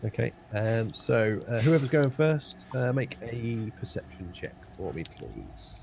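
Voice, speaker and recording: A man running a tabletop game as dungeon master, describing the scene haltingly with many ums and uhs. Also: medium pitch, sing-song, gravelly, darkish tone, slight background noise.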